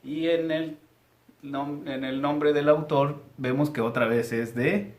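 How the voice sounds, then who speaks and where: A man's voice: fairly high pitch, steady tone, slow pace, a little mellow. A male teacher, reading aloud to young pupils in a patient, guiding way. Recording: echoey room.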